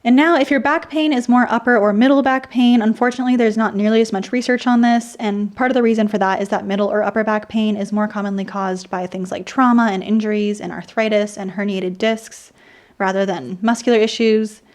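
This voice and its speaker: A woman presenting an explainer video, her voice dry and croaky, dropping into vocal fry at the ends of sentences. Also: medium pitch, fairly even intonation, fairly quick, darkish tone. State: dry, croaky, irritated throat. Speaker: host of an explainer video channel. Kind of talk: scripted explainer narration with personal asides.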